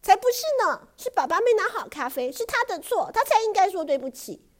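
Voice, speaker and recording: A woman voicing a stubborn, sulky little girl who protests loudly in a high voice. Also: sing-song, normal speed. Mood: defiant. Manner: loud, protesting, high-pitched.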